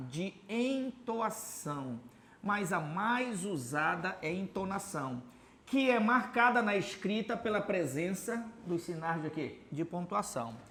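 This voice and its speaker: This Portuguese grammar teacher has a high voice and a Paraense accent from Belém, Pará, Brazil. As he writes examples on a board, he fires off rhetorical questions and keeps tagging his sentences with "tá?".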